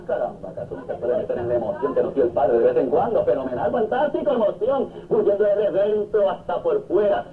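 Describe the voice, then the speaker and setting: A man preaching a sermon, telling the story with drama and jumping high on his exclamations. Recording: tinny lo-fi 1970s recording with faint noise.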